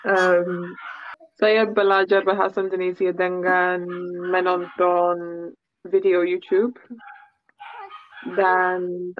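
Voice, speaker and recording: A British woman, a native English speaker, interviewing casually in Indonesian as a foreigner, with halting, learner's phrasing. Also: on the low side, narrow, tinny audio. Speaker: interviewer and YouTuber.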